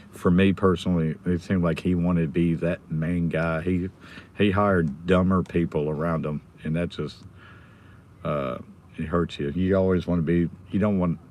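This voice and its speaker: A low-voiced American man chats casually to his livestream. His voice is hoarse and almost gone, so he stays subdued and avoids getting loud. He is recorded in a car with some background noise. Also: fairly even intonation, normal speed. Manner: subdued, holding the volume down. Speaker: livestream host. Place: inside a car in a school pickup line.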